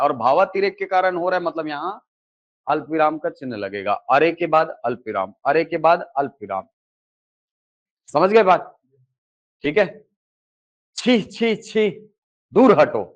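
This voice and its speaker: A male teacher giving a classroom lecture, asking questions and answering them himself, often checking in with "okay". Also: a little high. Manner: repeats key terms with "ठीक है". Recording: dull lo-fi recording.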